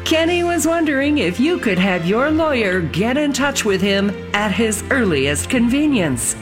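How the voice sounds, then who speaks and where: Woman, played clip over the radio, wry and mock-polite, lively up-and-down voice, loud music underneath, sounds distant. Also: on the high side, measured pace.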